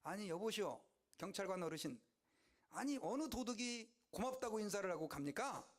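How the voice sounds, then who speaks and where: A man voicing a calm, composed older gentleman who speaks politely and matter-of-factly. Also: sits high, normal speed. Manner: unruffled, polite and matter-of-fact.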